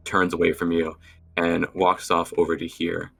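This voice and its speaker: Casting: low, gravelly man running a tabletop game, bright edge, unhurried. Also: faint music behind. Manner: relaxed, hesitant narration with fillers. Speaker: game master.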